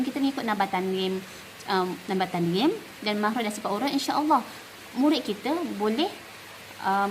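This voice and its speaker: A woman's voice: fairly high pitch, a little hiss or hum, low-quality recording. Malaysian woman teacher modeling Arabic stress. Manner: explanatory, repeats words slowly to model pronunciation. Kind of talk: instructional talk.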